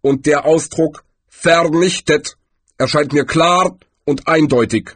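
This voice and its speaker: Tod, calm ancient Death, read by a man. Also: on the high side, husky, no echo, pitched above the performer's own voice, full character voice. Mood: weary. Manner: slow, calm, weary.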